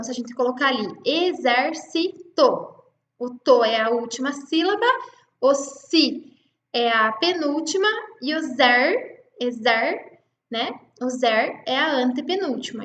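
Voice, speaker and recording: A Brazilian Portuguese woman teacher walks her students through a lesson with a high, bright voice. She explains patiently, one step at a time, and often stops to check that they follow. The recording sounds roomy and echoey, with a faint hiss underneath. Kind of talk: online class lecture.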